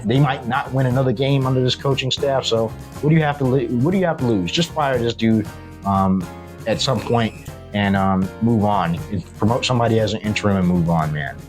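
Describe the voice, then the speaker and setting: A man's voice: medium pitch, darkish tone. A man hosting a solo sports recap, giving blunt, critical commentary. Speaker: sports video host.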